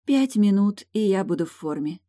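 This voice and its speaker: A woman's voice: medium pitch, lively intonation, normal speed, warm tone, voice pushed up, lightly acted. A woman reading an audiobook voices a headstrong young princess in love, eager and insistent. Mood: playful eager.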